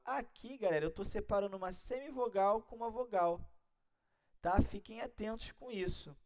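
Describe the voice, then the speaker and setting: Man, Brazilian accent, grammar teacher, exam prep lesson, very lively intonation, keeps checking in with students. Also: sits high. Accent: Brazilian Portuguese. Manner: didactic, keeps checking in with listeners.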